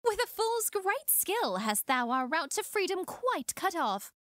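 A woman playing a proud, sharp-tongued young princess, declaiming in Shakespearean verse. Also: very high voice, very animated, measured pace, no echo, studio quality, full character voice. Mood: scornful, bold. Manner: scornful, declamatory. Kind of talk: amateur dramatic reading in Shakespearean verse.

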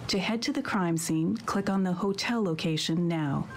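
Giving a video game's scripted tutorial, this female narrator has a lowish voice and speaks at normal speed with clear, composed, instructional wording. A faint hiss or hum sits under the recording.

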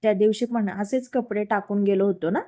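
A woman narrator voices a short-tempered young husband who snaps back gruffly. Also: mid-range voice, fairly even intonation, normal speed, close to an everyday voice. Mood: angry. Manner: gruff, shouting orders.

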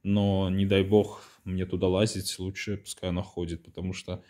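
Male home mechanic, somewhat low voice, halting, filler-heavy garage walkthrough. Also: little pitch movement, darkish tone. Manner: halting, many fillers and restarts. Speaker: home mechanic showing his build.

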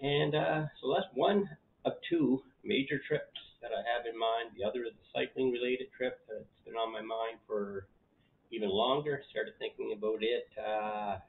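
A middle-aged man in his living room, talking casually to the camera as a channel host, relaxed and rambling, with plenty of fillers. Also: mid-range voice, normal speed, creaky. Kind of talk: casual vlog talk to camera. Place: living room at home, indoors. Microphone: camera in front of him. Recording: tinny phone-like sound.

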